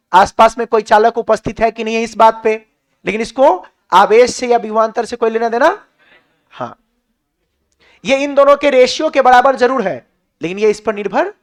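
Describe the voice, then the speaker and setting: High-voiced Bihari physics teacher. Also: male voice. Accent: Bihari Hindi. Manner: questions the class and answers himself, drills points. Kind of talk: classroom lecture.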